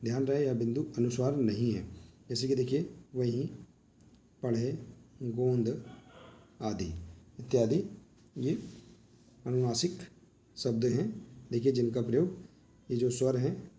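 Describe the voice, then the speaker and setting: Mellow-voiced man teaching a lesson. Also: medium pitch, a little slow, pauses often, a little hiss or hum. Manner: explains patiently, often saying "देखिए" while pointing to examples. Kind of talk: workbook lesson walkthrough.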